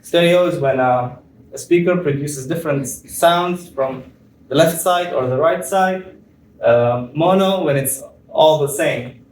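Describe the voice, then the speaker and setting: A young man from Tunisia presents at a conference, explaining ideas step by step with many small hesitations. His voice sits a little high and is picked up from a distance in an echoey room, with a faint hum of ambience behind him. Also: measured pace. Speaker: PhD student presenter. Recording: echoey room, far from mic.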